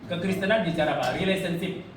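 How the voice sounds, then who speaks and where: A man's voice: high-pitched, fast talker, slight background noise. A male evangelist preaching a sermon in a church, colloquial and joking, often calling out to the congregation. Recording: echoey church hall, mic far off, faint ambience.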